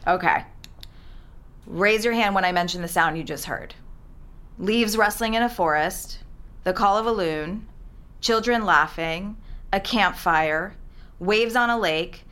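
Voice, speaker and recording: An actress playing a formal, overly polite attendant who calmly guides someone through strange instructions. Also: female voice, mid-range voice, a little slow, pauses often, lightly acted. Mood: clinical. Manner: calm, formal, clinical instructions. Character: overly polite woman attendant guiding a captive.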